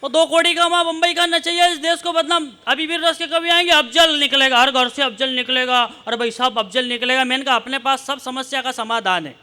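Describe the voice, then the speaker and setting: A man from Malwa performs comic poetry on stage. He jokes with the audience and slows down to stress his verse lines. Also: very high voice, steady tone, sharp tone. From Malwa, central India. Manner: joking banter with the audience, slow emphatic verse lines. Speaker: poet on stage. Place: poetry gathering stage before a live audience.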